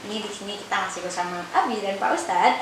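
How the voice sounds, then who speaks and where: A woman hosting a casual religious talk show, upbeat and chiming in with quick agreements. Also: mid-range voice, music in the background. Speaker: host. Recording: very echoey room, faint background.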